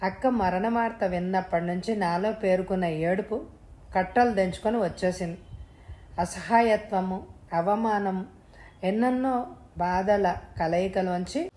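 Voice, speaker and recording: A woman narrating a family novel in first person, telling the story in a steady reading voice. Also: medium pitch.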